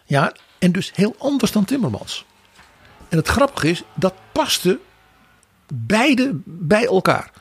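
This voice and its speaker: A man co-hosting a political podcast, giving wry, animated commentary. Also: high voice, slow, slightly rough. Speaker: podcast co-host. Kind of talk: political analysis chat.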